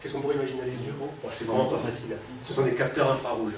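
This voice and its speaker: A man with a cold demonstrates a robot live to an audience in a hall, speaking casually, full of fillers and questions to the room. His medium-pitched voice stays steady and rapid-fire; crowd and background noise, an echoey room and a distant mic color the recording.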